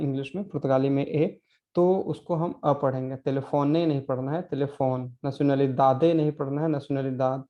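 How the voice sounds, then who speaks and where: A man's voice: a little high, highs cut off. Patient man teaching a class. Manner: patient, repeats and explains slowly with many fillers. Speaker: Portuguese language teacher. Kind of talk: online class lecture.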